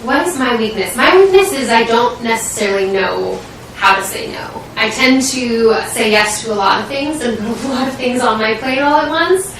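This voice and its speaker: A young adult woman from Washington State, with an American accent, gives earnest, hesitant answers as a medical student in an interview. Her voice is slightly high and a bit bright, at a moderate pace. The mic is distant, with roomy echo and faint noise.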